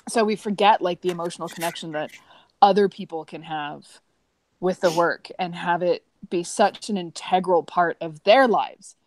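A woman with a fairly low voice chats casually as an artist, telling animated stories and jumping way up in pitch whenever she quotes someone. The sound is dry and close, with no room around it. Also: normal speed, dry recording. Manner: animated storyteller, rises high when quoting people. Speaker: artist, co-host. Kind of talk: casual chat.

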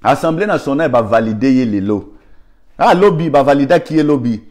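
A man's voice: medium pitch, expressive, fairly quick, darkish tone. A man with a Congolese accent gives an argumentative political commentary, firing rhetorical questions and thanking viewers by name.

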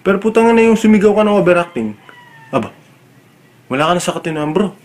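A man's voice: sits high, lively intonation, quick pace. Young male comic vlogger, raised voice, exasperated and cursing through a rant. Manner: loud, exasperated, swears freely. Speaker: comedic vlogger. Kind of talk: comedic rant.

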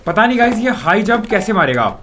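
A man's voice: high voice, brisk, soft background music. A man with a sore throat, giving casual, jokey let's-play commentary over a game and teasing the character he controls. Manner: excitable, jokey, mock-insults the character. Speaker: gaming YouTuber.

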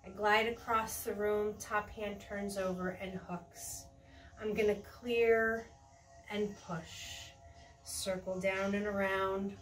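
A woman's voice: medium pitch, level tone. A middle-aged woman leading a tai chi lesson with serene, encouraging, step-by-step movement cues. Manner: serene, encouraging, unhurried cueing. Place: small carpeted room indoors. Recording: distant mic in a room, faint music. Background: faint music.

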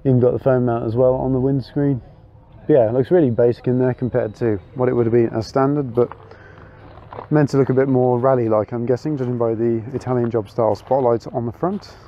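A man of middling pitch chats eagerly as he walks around an outdoor car meet, pausing with little fillers while he thinks aloud. The camera audio is slightly dull and lo-fi. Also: steady tone, a little hiss or hum. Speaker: car vlogger. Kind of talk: casual walkaround commentary.

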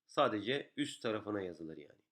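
A man's voice: lowish voice, lively intonation, moderate pace, fairly bright tone. A man teaching a beginner's Quran reading lesson, patiently explaining each rule and repeating every syllable several times.

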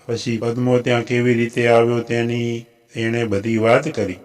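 Flat-voiced man narrating a folk tale. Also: mid-range voice, normal speed. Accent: Gujarati. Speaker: storyteller.

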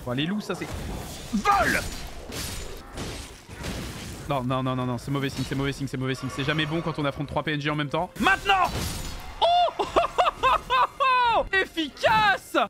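A man streaming a video game, reacting loudly and cracking jokes as he plays. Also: medium pitch, rapid-fire, hardly any pauses. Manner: excitable, loud outbursts and jokey asides. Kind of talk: live gaming commentary. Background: game music.

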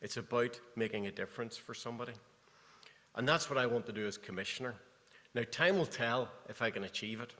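A man's voice: medium pitch, brisk, sharp tone. A middle-aged man giving a prepared, earnest keynote speech at a lectern. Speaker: keynote speaker, commissioner. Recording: long hall reverb.

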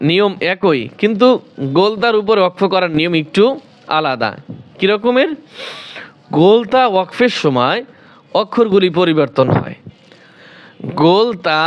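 A high-voiced man teaches recitation rules at an unhurried pace, repeating each point and answering his own questions. His voice is smooth and clear, though the recording sounds muffled and lo-fi. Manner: slow and repetitive, asks questions and answers them himself. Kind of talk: spoken lesson with drawn-out recited examples.

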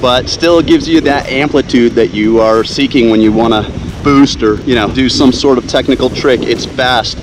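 A man with an ordinary mid-range voice talks through his ride in a relaxed, eager way. Heavy outdoor noise from wind and a boat nearly buries him. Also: medium pitch. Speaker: kiteboarder giving a testimonial. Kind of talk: casual testimonial.

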